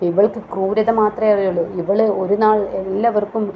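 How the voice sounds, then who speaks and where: A woman's voice: medium pitch, steady tone, normal speed, muffled recording, a little hiss or hum, lightly acted. A woman voicing an angry middle-aged mother who scolds her son, within a serial recap. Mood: scolding. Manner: scolding, bitter.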